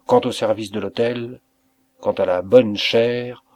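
Slow, measured male audiobook narrator. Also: medium pitch, dry recording. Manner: measured, expressive reading. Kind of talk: scripted narration.

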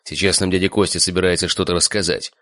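A man's voice: low voice, little pitch movement, quick pace, sharp tone, dry recording, studio quality. A man voicing a stern, hot-tempered noble father who growls out orders. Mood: commanding. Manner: growling, commanding. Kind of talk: audiobook character voice.

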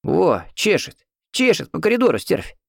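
A man's voice: sits high, wildly swooping pitch, normal speed, vocal fry, no echo, clean studio sound, pitched above the performer's own voice, full character voice. A man voicing a talkative, grumbling old man in a hospital ward, folksy and fussy. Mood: chatty. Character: chatty old male hospital patient, grumbling.

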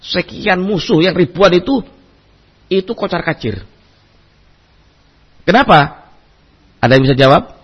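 A man giving a religious lecture as a preacher, telling a story in an animated way and acting out the people in it. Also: high voice, measured pace, long pauses, slightly rough, muffled recording. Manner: animated, acts out quoted voices, mixes in Arabic terms. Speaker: Islamic preacher.

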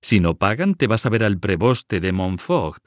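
A man voicing a cunning older banker who speaks smoothly and persuasively. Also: lowish voice, very animated, measured pace, dry recording. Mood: instructive. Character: cunning older Italian male banker, soft-spoken.

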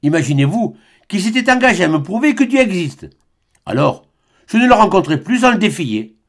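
A man voicing a scornful old atheist of about eighty who talks roughly and mockingly. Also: sits high, very animated, fairly quick, voice pushed up, exaggerated voice.

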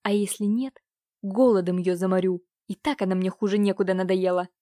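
A woman's voice: mid-range voice, steady tone, a little fast, mellow, no echo, studio quality, lightly acted. A woman voicing a cruel, domineering uncle who scolds and threatens his niece. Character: cruel domineering middle-aged uncle, man.

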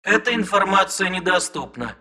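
A man voicing a calm, slow, official recorded information voice. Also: sits high, pitched above the performer's own voice, full character voice. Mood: detached.

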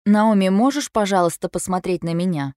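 A woman doing a patient lady psychiatrist in an audiobook, calm and measured, dry sound. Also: medium pitch, dry recording, lightly acted.

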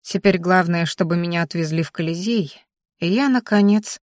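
A woman reading a first-person novel aloud in an even, measured way. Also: fairly low pitch, dry recording, studio quality. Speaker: audiobook reader. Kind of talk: first-person fiction narration.

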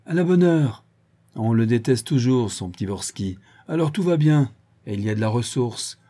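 A man's voice: mid-range voice, lively intonation, moderate pace, warm tone, close to an everyday voice. A man voicing a drunk, mocking middle-aged villain who taunts his captive in an audiobook. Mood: mocking tipsy. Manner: sneering, jovial, taunting. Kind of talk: audiobook character voice.

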